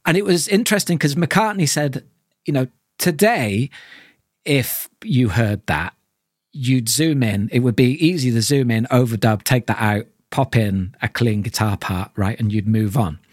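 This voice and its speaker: A middle-aged man co-hosts a podcast in a reflective discussion of audio drama. His medium-pitched voice moves a little slowly, searching and thoughtful, stressing key words. The recording is dry, with hardly any room sound.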